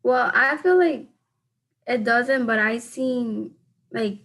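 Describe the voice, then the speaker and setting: A woman's voice: fairly high pitch, slow, fairly bright tone, poor audio. A young adult woman giving a speech for class over a video call, earnest and leaning on "like" when she answers questions unprepared. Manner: earnest, leans heavily on "like" when speaking off the cuff.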